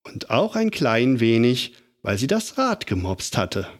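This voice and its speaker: A man reading a children's story aloud with an expressive, dramatic delivery. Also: medium pitch, measured pace. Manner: animated, dramatic build-ups.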